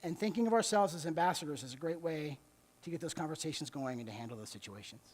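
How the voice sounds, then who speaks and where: A man's voice: a little high, lively intonation, fast talker, slightly rough. A man giving a conversational church talk, often restarting words and checking in with his listeners. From United States. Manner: conversational, repeats words while restarting, checks in with "okay?" and "right?". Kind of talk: sermon-style talk.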